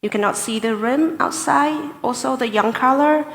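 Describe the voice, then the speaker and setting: A woman giving a formal wine tasting assessment as a competition contestant, deliberate and hesitant, in short phrases with pauses. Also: high voice, a bit bright. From Vietnam. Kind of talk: spoken wine tasting assessment before judges. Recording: echoey hall with long reverb.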